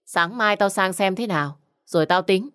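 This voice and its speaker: A woman's voice: mid-range voice, moderate pace, fairly bright tone, smooth, close to an everyday voice. A woman voicing a rude, stingy middle-aged village man who scolds curtly. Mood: scolding. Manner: scornful, scolding, curt.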